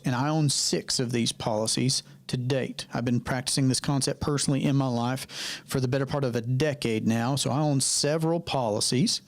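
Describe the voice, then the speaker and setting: A man from North Carolina hosts a live question-and-answer session as a financial coach, heard through a video call. He speaks at a middling pitch in an easy, conversational way. He often repeats his main points and turns to people by name. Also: gravelly. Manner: conversational, repeats key phrases, addresses participants by name. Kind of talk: live online Q&A.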